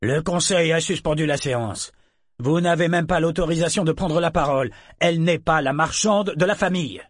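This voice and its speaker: In a clean studio recording with no room sound, a man voices a stern hall guard who barks curt orders. His natural voice is pitched up above his usual register to a fairly high level, delivered at a moderate pace.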